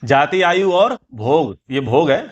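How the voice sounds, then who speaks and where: A man's voice: fairly high pitch, lively intonation, slow pace, muffled recording. Earnest Hindi-speaking male scripture teacher. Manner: earnest, explanatory, repeats key phrases. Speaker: Vedic teacher. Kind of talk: scripture class lecture.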